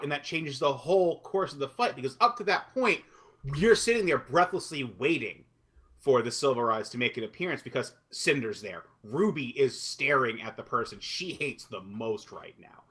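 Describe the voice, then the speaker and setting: A man co-hosting a podcast in casual chat, animated and swearing, often laughing. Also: medium pitch. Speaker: podcast co-host.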